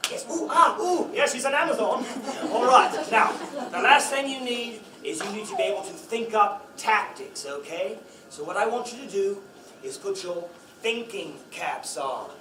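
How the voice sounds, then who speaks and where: A man's voice: high voice, animated, normal speed, noisy background. A man acting in a children's play who leads audience volunteers with an upbeat, coaxing, playful manner. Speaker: actor leading audience volunteers. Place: library event room. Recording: echoey room from far off.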